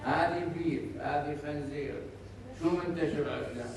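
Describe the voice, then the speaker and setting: A male university lecturer mixing languages, speaking English slowly and deliberately and quizzing his students with quick asides. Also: a little high, gravelly. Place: lecture hall. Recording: echoey far-off room recording with faint noise.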